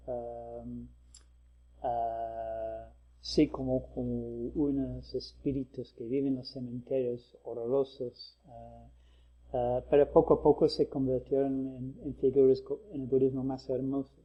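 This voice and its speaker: A male Buddhist teacher giving a talk, pausing often as he finds his words. His voice sits at a middling pitch. The recording is slightly dull and lo-fi. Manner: measured, hesitant, with frequent pauses. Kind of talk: dharma talk.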